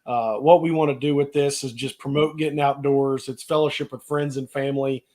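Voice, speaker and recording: A man's voice: medium pitch, steady tone, a little fast, dark tone. Easygoing man co-hosting a chat. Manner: easygoing and plain-spoken, with many "you know" fillers. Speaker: co-host. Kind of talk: casual live chat.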